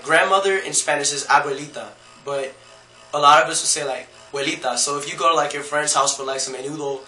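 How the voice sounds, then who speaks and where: A man's voice: mid-range voice, sharp tone. A man from California with a Californian accent, talking in a casual, slangy vlog full of fillers. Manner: laid-back, slangy, many fillers. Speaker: vlogger. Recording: roomy echoey room.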